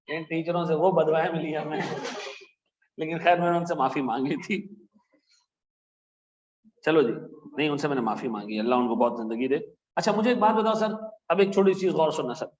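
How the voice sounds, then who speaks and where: A male accounting teacher who lectures in a chatty way, telling stories and often asking "theek hai na?". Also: a little high. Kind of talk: classroom lecture with anecdotes. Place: classroom. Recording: echoey classroom, dull lo-fi sound.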